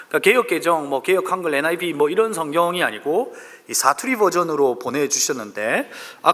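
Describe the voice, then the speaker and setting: A male pastor from the Gyeongsang region, speaking with a Gyeongsang accent and delivering a lively, humorous sermon. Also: fairly high pitch. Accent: Gyeongsang Korean. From Gyeongsang region, Korea. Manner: lively, humorous, reads dialect verses aloud. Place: large church hall. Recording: long hall reverb.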